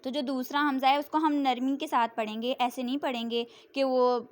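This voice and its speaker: High-voiced woman teaching Quran recitation. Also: level tone. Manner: patient, explains rules then spells and recites slowly. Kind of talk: step-by-step recitation lesson.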